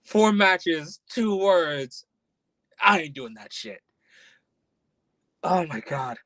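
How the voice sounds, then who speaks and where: A man's voice: on the high side, lively intonation, slow, fairly bright tone, dry recording, rough recording. A man hosting a casual solo podcast review, talking bluntly and with exasperation, and a little out of breath. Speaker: podcast host.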